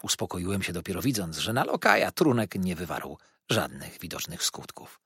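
Husky male audiobook narrator. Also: sits low, sing-song, moderate pace, a bit bright, no room sound, clean studio sound. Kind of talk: scripted first-person narration.

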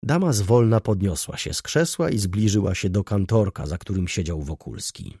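A low, husky male voice narrates a novel with a lively, expressive pitch. The sound is close and dry. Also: normal speed, no echo. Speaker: audiobook narrator. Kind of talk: scripted narration.

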